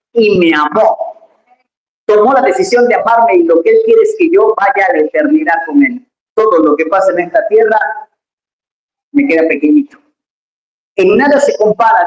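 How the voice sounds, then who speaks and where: A pastor preaching a lively, emphatic sermon, speaking straight to the congregation in a church. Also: mid-range voice. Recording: echoey church hall.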